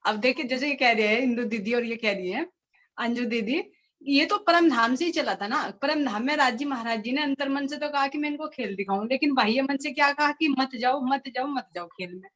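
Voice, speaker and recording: High-voiced woman explaining scripture. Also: a little fast, fairly bright tone. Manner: explains earnestly, acting out quoted pleas in repeated phrases. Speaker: discussion participant. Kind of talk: devotional discussion on scripture. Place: online group call. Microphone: video call.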